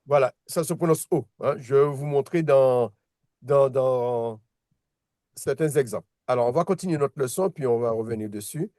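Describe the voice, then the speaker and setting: A man's voice: medium pitch, moderate pace, warm tone, no room sound, studio quality. A man teaching a language lesson in a casual way, often restarting and repeating words while checking that his students follow. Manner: patient, checks understanding with "d'accord?". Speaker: Hebrew teacher.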